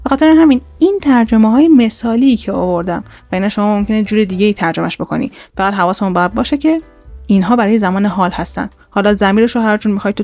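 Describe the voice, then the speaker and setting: A woman giving an online language lesson over slides, explaining patiently and repeating example words slowly. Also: mid-range voice, darkish tone. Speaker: Korean language teacher.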